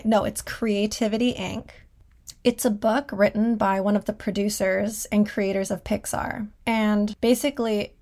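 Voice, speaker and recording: A woman's voice: medium pitch, darkish tone. A woman hosting a solo podcast from her closet at home, talking casually and conversationally with a self-deprecating streak. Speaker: podcast host and designer. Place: small clothes closet at home.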